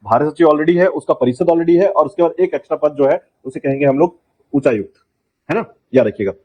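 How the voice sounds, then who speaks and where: A man's voice: fairly high pitch, highs cut off. A man teaching an exam-prep lecture, drilling key points and repeatedly telling students to remember them. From India.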